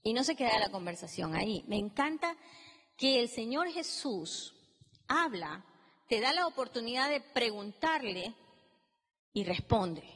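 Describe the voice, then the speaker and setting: High bright-voiced woman preaching in a hall. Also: sing-song, a little slow, husky. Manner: emphatic, dramatic, acts out biblical dialogue. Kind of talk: sermon. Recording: long reverb in a large hall.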